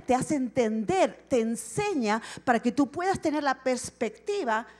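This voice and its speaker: A woman pastor giving an animated sermon at a church service, acting out short dialogues as she preaches. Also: sits high.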